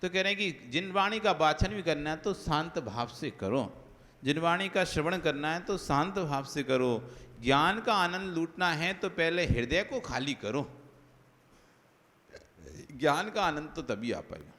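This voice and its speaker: A man's voice: on the high side, lively intonation, unhurried, pushed and bright. A man giving a conversational sermon as a Jain monk, listing examples one after another and asking rhetorical questions. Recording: long hall reverb.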